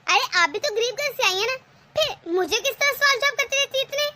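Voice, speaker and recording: Young cartoon bride voiced by a woman, sweet yet cheeky, sly politeness, very high bright voice. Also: animated, fairly quick, slight background noise, heavily acted. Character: young clever new daughter-in-law, sweetly defiant. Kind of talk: animated cartoon voice acting.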